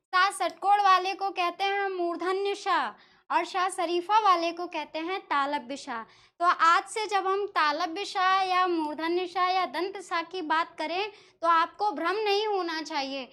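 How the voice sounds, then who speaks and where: Teaching Sanskrit pronunciation to a class, a woman from northern India breaks it down step by step and answers her own questions. She has a very high-pitched, bright voice with a forceful tone.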